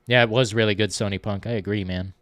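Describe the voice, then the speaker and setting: A man hosting a live stream, chatting casually about films in a rambling, profane, excitable way. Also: on the low side, fast talker.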